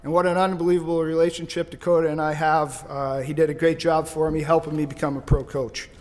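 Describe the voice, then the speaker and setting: A man from St. Louis, USA, gives a hall of fame acceptance speech at a podium microphone in a banquet hall, and hall reverb colors the recording. His voice is on the high side and darkish, with a flat delivery and fast talking, while his manner is thankful, storytelling, loose and joking.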